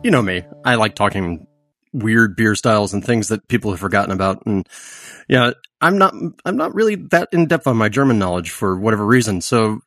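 A man hosting a beer podcast, reading the intro and sponsor spots and chatting with quick, upbeat asides. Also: lowish voice, a bit bright, dry recording, studio quality. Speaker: podcast host. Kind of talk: casual podcast hosting and read ads.

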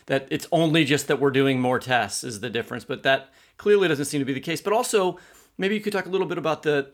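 A middle-aged man with an American accent co-hosts an interview podcast, talking in an informal, rambling, conversational way. His voice is a little high, and he's a fast talker.

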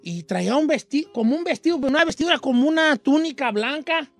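Guy doing a high old mexican rancho dude, mexican accent, rambly funny radio storyteller. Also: expressive, quick pace, dry recording, faint music behind. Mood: folksy storytelling. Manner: rambling, folksy, self-mocking. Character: old male Mexican rancher, folksy and comic. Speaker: radio show host.

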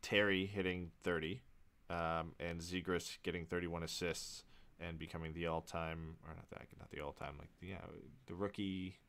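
A man's voice: low-pitched, little pitch movement, normal speed, a bit bright. A man co-hosting a sports podcast, casually chatting and rattling off player statistics. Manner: rattles off stats, loose and chatty. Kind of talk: casual chat.

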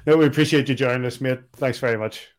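A man's voice: medium pitch, steady tone, quick pace. A man hosting a sports podcast in a jovial, bantering way. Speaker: podcast host. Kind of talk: casual sports chat.

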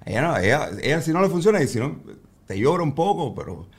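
A man, chatting as a guest and telling lively stories about his young daughter. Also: fairly high pitch, fast, slightly rough. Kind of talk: casual chat.

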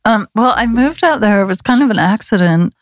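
A woman's voice: mid-range voice, animated, fairly quick, no room sound. A woman who grew up in Los Angeles, a guest chatting casually, rambling with many fillers and restarts. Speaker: guest, flower remedy practitioner. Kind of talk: casual conversation.

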